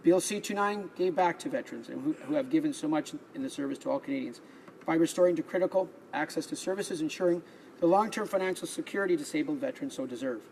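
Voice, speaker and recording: Male MP, higher register, formal parliament speech read from notes with small stumbles, light room noise. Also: fast, creaky, a little mellow, low-quality recording. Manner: reads prepared remarks, stumbling and restarting on words. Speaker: member of parliament. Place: legislative chamber.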